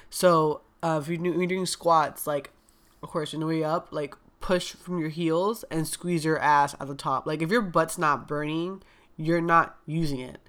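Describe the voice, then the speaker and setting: On a casual podcast, a young woman wellness coach chats frankly with a stuffed-up nose, filling her speech with "like" and "um." Her voice is low with a fairly bright tone.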